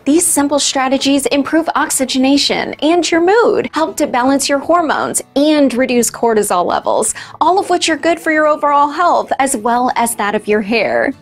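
A young woman hosting, reading a scripted presentation in an upbeat, even promo manner. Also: high-pitched, moderate pace, hardly any pauses, faint music behind. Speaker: host.

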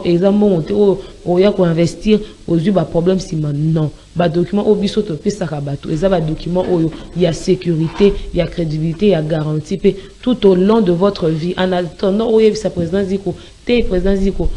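A woman with a Congolese accent, speaking as a spokesperson in an interview and making an emphatic, repetitive promotional pitch. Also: mellow. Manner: emphatic and repetitive, mixing French and Lingala.

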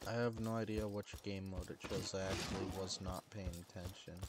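A man's voice: deep voice, little pitch movement, fairly quick, noisy background. A man streaming a video game, talking casually in a sleepy, laid-back way. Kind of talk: casual gameplay commentary. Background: game music.

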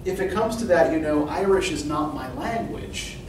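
A little high and moderately paced, the voice belongs to a middle-aged literature professor who teaches in a chatty lecture style, often asking "right?" and putting questions to his class. A camera far back in the whiteboard classroom records him, producing noisy, echoey audio.

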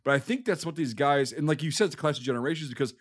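A podcast co-host from Wisconsin, USA, speaks in a Wisconsin accent during a casual discussion of war history, explaining things emphatically and swearing frequently. His voice is on the high side, animated, and rapid-fire.

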